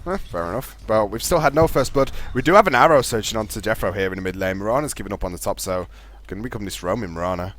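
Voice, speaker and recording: A man casting a live video game match, fast play-by-play with a fairly steady delivery. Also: on the low side, a little hiss or hum. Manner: fast, chatty play-by-play talking to co-caster; calls his own voice monotone. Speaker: esports caster.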